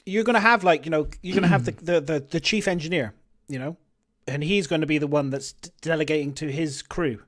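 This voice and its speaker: Quick, higher-voiced male host who rambles and restarts his sentences. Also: a bit bright. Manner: rambling, many fillers and repeats. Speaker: podcast host. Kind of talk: casual gaming podcast chat.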